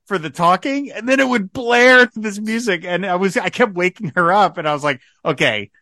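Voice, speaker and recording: A man hosting a podcast, chatting casually and telling rambling, animated stories with lots of fillers. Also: high voice, a little fast, dry recording, studio quality. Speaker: podcast host. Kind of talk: casual chat.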